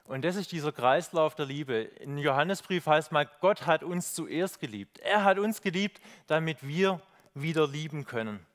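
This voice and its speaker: Man, sermon, slightly high voice, reflective, fillers, rhetorical questions. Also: moderate pace, a bit bright. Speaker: preacher. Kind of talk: sermon with slides.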